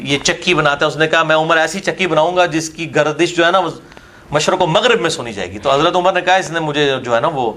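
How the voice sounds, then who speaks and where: A faint hiss or hum underlies a man's slightly high, somewhat bright voice. He's a guest in an interview, scornfully and aggressively arguing a religious position through pointed rhetorical questions, the tone of a heated debate.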